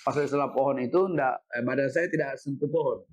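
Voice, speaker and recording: A middle-aged man, a guest telling a story in an interview, animated, repeating himself and ending lines with "Pak". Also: mid-range voice, fast, a little hiss or hum. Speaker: head of city education office, guest.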